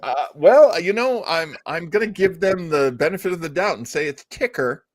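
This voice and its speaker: Chatting about old-time radio on a casual live show, this male host tells stories full of jokes and self-deprecating humor. His voice is on the high side and animated, at a moderate pace.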